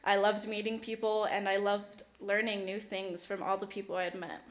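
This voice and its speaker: A teenage girl gives an acceptance speech on an awards stage. Her voice sits at an ordinary middle pitch. She talks in a chatty, emotional way, full of "like" and "um," and slips into Spanish partway through. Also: level tone, moderate pace. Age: late teens. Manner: chatty and emotional, filler-heavy, bilingual. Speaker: award recipient.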